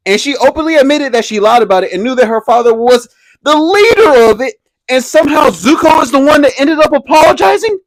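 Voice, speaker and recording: Animated slangy young man, dry sound. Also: sits high, no echo. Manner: animated, slangy, laughs often. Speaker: commentary video host. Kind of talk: casual pop-culture commentary.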